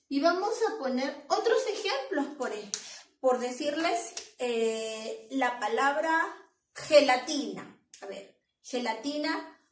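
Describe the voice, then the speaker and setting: A woman teacher giving a children's lesson, speaking slowly and clearly and clapping out each syllable. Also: high-pitched, a bit bright, echoey room, far from the mic, low-quality recording. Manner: slow, clear classroom delivery with claps.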